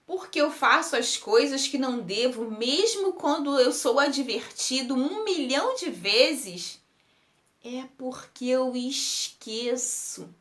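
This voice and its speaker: A woman reading a first-person text aloud, slow and emotive, lingering on words. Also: high voice, expressive, fairly bright tone. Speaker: reader. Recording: roomy echo.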